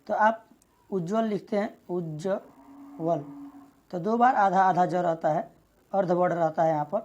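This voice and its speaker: A woman teaching an exam prep lesson, reading out each question and its options and explaining the answer at a steady pace. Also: fairly low pitch, moderate pace, muffled recording, a little hiss or hum.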